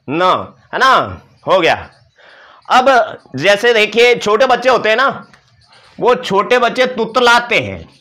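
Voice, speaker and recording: A man's voice: high-pitched, pushed and bright. A male teacher giving an exam-prep lecture, explaining and demonstrating sounds with playful asides to his students. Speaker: Sanskrit teacher.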